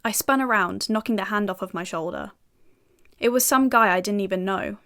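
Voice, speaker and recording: Wry british woman doing a young fbi agent telling her own story, dry jokes, middle pitch. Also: a little fast, a bit bright, close to an everyday voice. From United Kingdom. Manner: dry, sardonic asides. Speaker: narrator and lead character, an FBI agent. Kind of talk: first-person audio drama narration.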